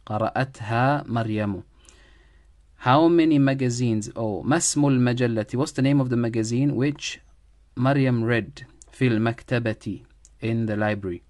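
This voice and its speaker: A man gives an online Arabic grammar lesson in a voice of ordinary pitch. He speaks slowly and repeats each Arabic phrase before translating it. The recording is dry and close, with no room sound. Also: darkish tone, no room sound. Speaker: Arabic teacher.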